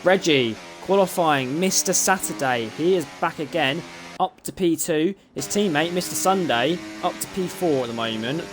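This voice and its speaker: A man's voice: fairly high pitch, expressive, normal speed, over music. A man with an Essex accent doing live commentary on an online racing league, chatty and often tripping over names and correcting himself. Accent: Essex English.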